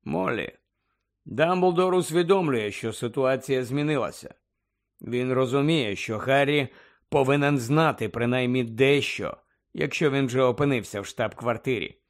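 A man voicing a calm middle-aged father who speaks slowly and deliberately. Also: medium pitch, lightly acted.

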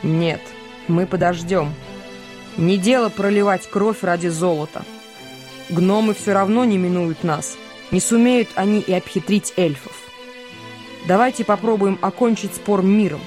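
A man voicing a proud, calm elf king who speaks in a measured, lofty way. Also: high-pitched, faint music behind, voice pushed up.

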